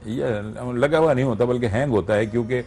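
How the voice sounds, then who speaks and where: A man's voice: medium pitch, fast, a little mellow, slightly rough. Teacherly man on a morning show. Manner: teacherly, explains step by step and checks understanding. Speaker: radio voice artist guest. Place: TV studio.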